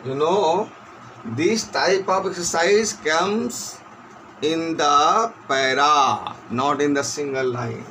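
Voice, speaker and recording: A man's voice: fairly high pitch, bright, forceful tone, slight background noise, low-quality recording. A man teaching an English grammar lesson, asking questions and answering them himself. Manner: slow, questioning, answers his own questions.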